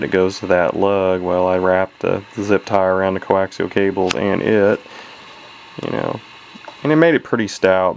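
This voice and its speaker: A man with a low, creaky voice casually narrates his own hands-on radio repair video, rambling in a folksy way and often correcting himself as he goes. It's a noisy home video shot on a handheld camera.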